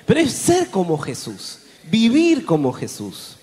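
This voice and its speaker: A man with a Rioplatense Spanish accent preaching a conference sermon, telling Bible stories with lively rhetorical questions to the audience. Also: high-pitched, unhurried. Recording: long hall reverb.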